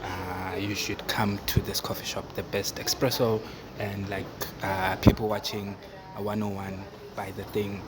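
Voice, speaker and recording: A man's voice: lowish voice, flat delivery, measured pace, few pauses, over music. A man hosting a podcast, asking questions with many hesitant "uh" fillers. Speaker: podcast host. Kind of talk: casual interview. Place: coffee shop. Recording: loud coffee shop noise.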